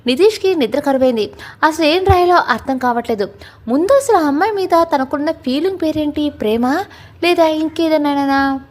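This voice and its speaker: A woman's voice: sits high, expressive, normal speed. A woman narrating a family love story, reading it plainly and doing the dialogue herself.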